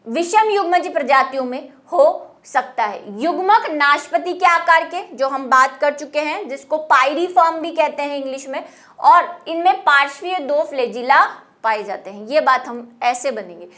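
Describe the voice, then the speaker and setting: A woman's voice: sits high, normal speed, bright, forceful tone. A woman teaching a biology lecture, explaining terms patiently in Hindi and English. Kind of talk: classroom lecture.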